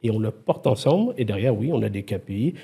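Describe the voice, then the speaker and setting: This fast-talking IT executive from Quebec, middle-aged and with a Québécois accent, is a guest swapping stories in a relaxed conversation. His lowish voice carries vocal fry and a slight roughness, and his animated telling is full of restarts.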